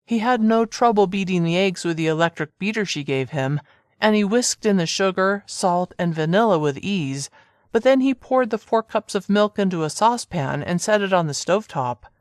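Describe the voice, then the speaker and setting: A narrator reading a romance audiobook in an even, measured storytelling manner. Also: female voice, medium pitch, no room sound, studio quality. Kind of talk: scripted narration.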